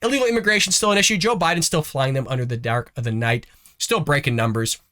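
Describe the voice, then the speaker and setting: Congested from a cough, the American host of a conservative news show keeps things casual on his political commentary program, dropping folksy, sarcastic asides. His voice is fairly high and sharp, and he talks fast.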